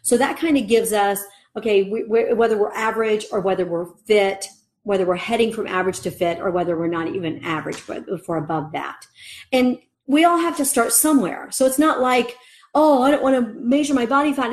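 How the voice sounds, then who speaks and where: A woman teaching a casual fitness lesson, chatty, who thinks aloud and repeats her key phrases for emphasis. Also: a little high. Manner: chatty, thinks aloud with fillers and self-corrections. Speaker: fitness coach.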